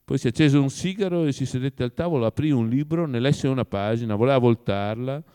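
A man narrating a classic novel as an audiobook, with expressive storytelling. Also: mid-range voice, fairly quick, smooth.

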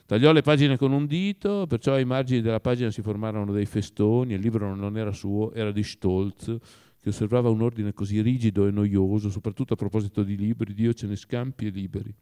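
A man narrating a classic novel as an audiobook, with expressive storytelling. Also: fairly low pitch, a little fast, clean tone.

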